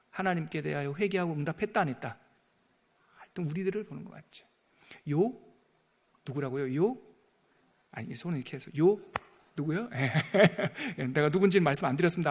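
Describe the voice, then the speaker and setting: A male pastor teaching a Bible lesson in a lively, playful way, acting out the scripture's dialogue as he goes. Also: a little high.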